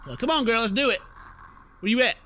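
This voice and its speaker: An extremely high-pitched, sharp-toned man talks fast with lively intonation, hosting a gaming video with playful, theatrical let's play commentary in which he exclaims and reads game text aloud. His close desk microphone catches a little hiss or hum, plus faint game music.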